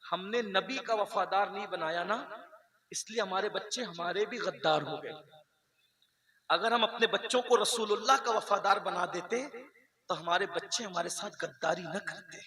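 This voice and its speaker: A man giving an impassioned sermon at a conference, swinging between soft storytelling and shouting. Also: high voice, normal speed. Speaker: religious orator. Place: large hall. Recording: echoey hall with long reverb.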